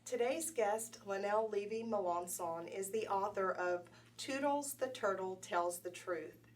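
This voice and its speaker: A woman's voice: medium pitch, a little slow, far from the mic. A woman hosting a talk show, opening the episode and reflecting on the topic.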